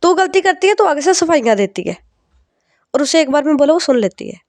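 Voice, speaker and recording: A woman's voice: high-pitched, big pitch swings, darkish tone, no echo, pitched above the performer's own voice. Scolding Punjabi mum, lecturing and raised, put on by a woman storyteller. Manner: scolding, lecturing, rapid-fire complaints. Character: scolding middle-aged Punjabi mother.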